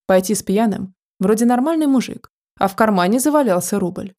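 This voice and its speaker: A woman reading a story aloud in a steady, measured way. Her voice is mellow and warm, at a middle pitch. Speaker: narrator. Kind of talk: storybook narration.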